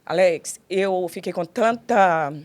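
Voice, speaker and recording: A middle-aged Brazilian woman hosts a podcast and tells a long personal story, lively and expressive, acting out each quoted line. Her voice sits a little low for a woman. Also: slow, no room sound. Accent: Brazilian Portuguese. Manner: animated, acts out quoted dialogue. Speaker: podcast host and pastor.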